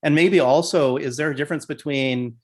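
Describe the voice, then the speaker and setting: A man's voice: fairly high pitch, a little fast. A man hosting an interview podcast, upbeat and encouraging as he introduces and questions his guest. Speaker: podcast host and clinician.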